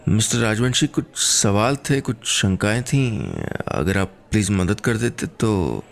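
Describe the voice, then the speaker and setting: A man voicing a reserved young woman student who speaks slowly, softly and politely. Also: medium pitch, very animated, creaky, faint music behind, pitched above the performer's own voice. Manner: slow, soft, polite.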